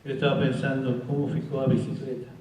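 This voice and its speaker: Predicador mayor en una sala con mucho eco. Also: male voice, mid-range voice, little pitch movement, fast, a little mellow. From Chile. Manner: testimony in Spanish mixed with Portuguese words, rising to exhortation. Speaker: pastor. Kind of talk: sermon. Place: large hall at a pastors' conference. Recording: very echoey hall, distant mic, faint noise.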